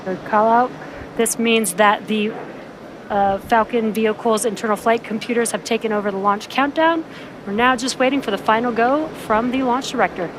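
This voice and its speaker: Higher-voiced woman giving live launch commentary. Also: moderate pace. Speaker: launch webcast host. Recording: clear background noise.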